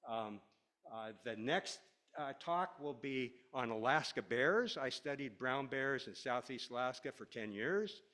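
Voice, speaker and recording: An older man from Washington State giving a relaxed, rambling slide lecture to a class, with many fillers. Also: mid-range voice, a little slow. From Washington State, USA.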